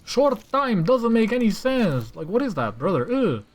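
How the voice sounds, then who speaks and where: A Romanian man, a native Romanian speaker, hosts a gaming channel and shows off a mod with casual gameplay commentary. His high-pitched, sing-song voice moves at a moderate pace as he thinks aloud and slips into exasperated rants.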